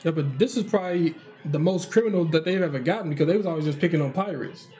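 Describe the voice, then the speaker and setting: A man's voice: on the high side, quick pace, soft background music. A man co-hosting an anime reaction, chatting casually and joking, often acting out bits in silly voices. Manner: animated, jokey, acts out lines in put-on voices.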